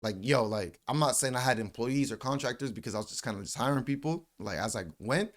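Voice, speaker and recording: A man's voice: mid-range voice, fast. A man in his late twenties, a vlogger telling a story in a loose, slangy way with lots of fillers and some swearing. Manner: animated retelling with voiced quotes. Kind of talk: casual storytelling.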